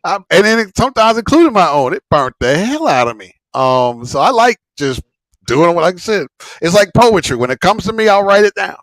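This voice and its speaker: A man's voice: high-pitched, sing-song, a little fast, a bit bright, no room sound. Rambling, slangy man hosting, dry close sound. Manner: rambling and repetitive, frequent swearing, slangy. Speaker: host of a live smoke-session stream. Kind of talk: casual livestream chat.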